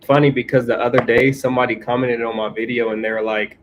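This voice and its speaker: A man's voice: medium pitch, flat delivery, quick pace, background noise. A man from California in casual livestream chat, laid-back and slangy, reading viewer comments aloud and answering them. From California, USA.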